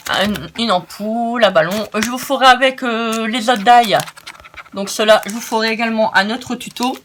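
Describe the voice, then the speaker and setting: Tired northern French woman, crafting tutorial host, rambling and friendly, average pitch, faint background noise. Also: fairly bright tone. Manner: chatty, rambling, many hesitations, laughs at herself. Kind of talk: casual step-by-step craft tutorial.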